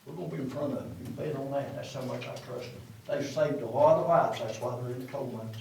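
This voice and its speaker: A man's voice: medium pitch, steady tone, fast talker, vocal fry, a little mellow. An older man with an Appalachian accent giving an informal guided tour as a former miner, talking like a folksy old prospector spinning stories. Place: underground exhibition coal mine. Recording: echoey mine tunnel, distant mic, faint noise.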